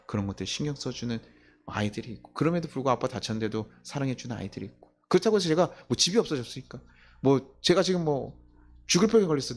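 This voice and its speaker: A church pastor with a medium-pitched voice preaches conversationally, asking many rhetorical questions and chuckling at his own stories.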